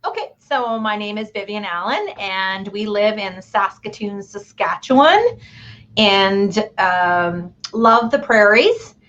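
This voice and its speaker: A woman in her fifties, born in Chile, chatting as a guest on a video call in a friendly, thoughtful way with pauses. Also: mid-range voice, lively intonation, a bit bright, slight background noise. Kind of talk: casual video call chat. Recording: dull lo-fi call audio.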